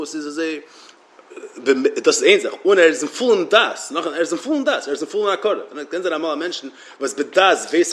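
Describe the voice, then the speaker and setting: Guy w a teaching torah, talks quick and a bit high, keeps stumbling n repeating himself. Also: fairly bright tone. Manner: halting, repeats words and restarts. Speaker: religious teacher. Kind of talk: Torah lecture.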